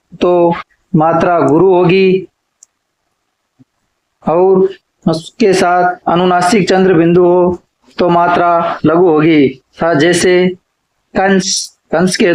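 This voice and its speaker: A man teaching an exam-prep lecture, stating each rule and then repeating it slowly, as if dictating notes. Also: high voice, darkish tone, low-quality recording. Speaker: Hindi literature teacher.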